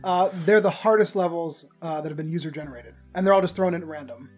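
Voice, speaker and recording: A man doing casual gameplay commentary with a friend, teasing and excitable, yelping loudly when things go wrong. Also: on the high side, fast talker, slightly rough, faint music behind. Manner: excitable, teasing, loud yelps at setbacks. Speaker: let's play host.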